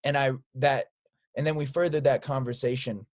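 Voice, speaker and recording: A man hosting a podcast, chatting casually in a relaxed, laid-back way. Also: mid-range voice, normal speed. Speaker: podcast host. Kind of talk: casual chat.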